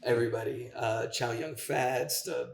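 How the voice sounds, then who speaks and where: A man's voice: medium pitch, fairly even intonation, moderate pace, vocal fry. A man who works as a tattoo artist, a guest in a casual interview, talking with enthusiasm and repeating words for emphasis. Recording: echoey room with faint noise.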